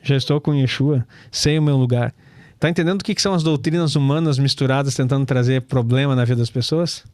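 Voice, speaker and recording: A man's voice: medium pitch, fast, darkish tone, dry recording. A man, teaching scripture in a casual, chatty way, calling listeners brother and laughing often. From Brazil. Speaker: pastor and Torah teacher.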